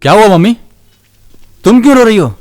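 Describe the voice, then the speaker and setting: An actor dubbing a nervous, excitable young man who is scared of his strict father. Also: sits high, a little fast, faint music behind. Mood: upset. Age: young adult. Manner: fearful, excitable. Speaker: college-age son. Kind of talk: Hindi film dub acting.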